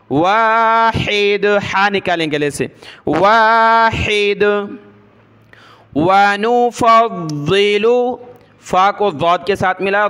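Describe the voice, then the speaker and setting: A man teaching Quran recitation, spelling out each syllable patiently and slowly drawing out the recited words. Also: sits high, a bit bright, clean tone.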